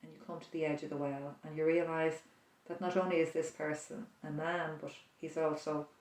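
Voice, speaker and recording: Slowly and gently, with reflective pauses and a flat delivery, a prayer leader guides the listener through a quiet imagined scene. The voice is medium in pitch. It was captured on a distant mic in a room with a strong, roomy echo.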